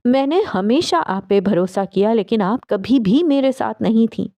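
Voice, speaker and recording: Furious young woman read by a woman, shouting and bitter, raised pitch, warm dry voice. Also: expressive, dry recording. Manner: shouting, then cold and biting. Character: enraged young woman turning on her mother.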